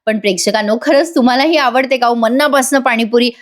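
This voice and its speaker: Brief: friendly woman reviewer with a fairly high voice, chatting to viewers in voice-over. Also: quick pace. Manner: chatty, addresses viewers directly. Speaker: TV serial reviewer.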